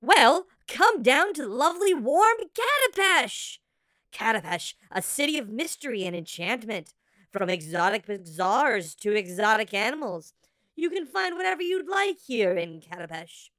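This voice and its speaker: A woman's voice: fairly high pitch, very animated, a little slow, a bit bright, no room sound. A woman reading a travel commercial with gushing, sing-song salesmanship. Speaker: advertisement voice. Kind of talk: parody travel commercial read.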